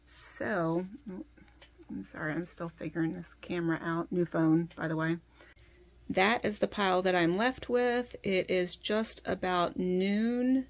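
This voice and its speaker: A woman's voice: lowish voice, fairly even intonation, measured pace, no echo. A woman talking informally and self-deprecatingly as she narrates a casual craft vlog. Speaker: sewing vlogger.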